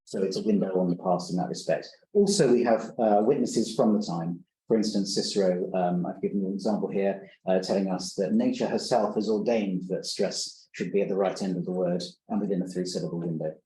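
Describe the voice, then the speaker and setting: A man's voice: low voice, a little fast, few pauses, dark tone. A man giving an academic conference talk, hesitant, with many fillers and restarts. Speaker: conference speaker. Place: lecture room. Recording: roomy lecture hall recording.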